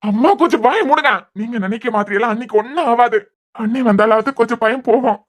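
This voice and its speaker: Cartoon younger brother, woman voicing; anxious, quick-talking, Kanyakumari Tamil accent. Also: fairly high pitch, natural voice. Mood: anxious blunt. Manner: anxious, blunt.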